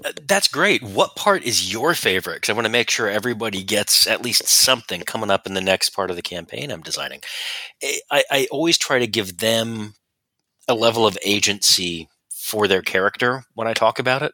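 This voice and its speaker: A man co-hosting a podcast in casual chat, speaking in a measured, organized way. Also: on the low side, expressive, pushed and bright, no echo. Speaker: podcast co-host.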